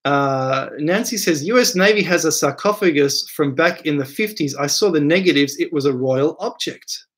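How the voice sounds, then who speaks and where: A man with a fairly high voice hosts a casual live stream from home. He reads viewer questions out loud from the chat and answers them off the cuff. He rambles, repeating words and dropping in fillers. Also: moderate pace.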